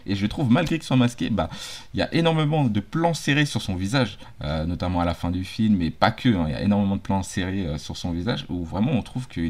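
Deep-voiced man chatting about a film. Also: expressive, fast talker, darkish tone. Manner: hesitant, many fillers and restarts. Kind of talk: casual film discussion.

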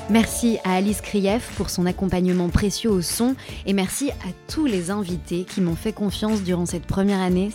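A woman's voice: medium pitch, dark tone. A woman hosting a podcast in a casual, enthusiastic monologue, sharing recommendations and thanking listeners. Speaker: podcast host.

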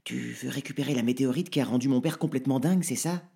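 Un homme prête sa voix à une petite fille inquiète et sincère, dans un conte audio. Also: male voice, medium pitch, racing, creaky, mellow, breathy edge. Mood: worried. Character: little girl, anxious and earnest.

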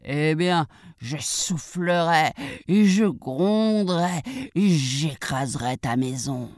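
Woman doing a slow, sly storybook wolf. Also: sits low, lively intonation, darkish tone, no room sound, studio quality. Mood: menacing. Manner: slow drawn-out coaxing delivery. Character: sly menacing big bad wolf, drawling and hungry.

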